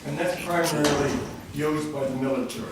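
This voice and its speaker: A man's voice: a little high, brisk. Earnest older man in echoey chamber. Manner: earnest, patriotic, tells jokes. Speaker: public commenter at city council. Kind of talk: public comment speech. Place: council chamber. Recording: very echoey room, distant mic, faint noise.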